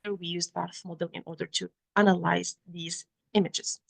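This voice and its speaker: A woman with a Moroccan accent presenting research at an academic conference in a halting, often self-correcting way. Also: fairly low pitch, level tone, gravelly. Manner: hesitant, halting delivery with frequent self-corrections.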